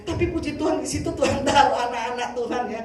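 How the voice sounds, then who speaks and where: An older woman evangelist from Indonesia giving a lively sermon testimony, often turning to the congregation. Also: sits high, fast. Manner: lively storytelling, addresses congregation as saudara. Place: church hall. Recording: echoey hall from far off, faint noise.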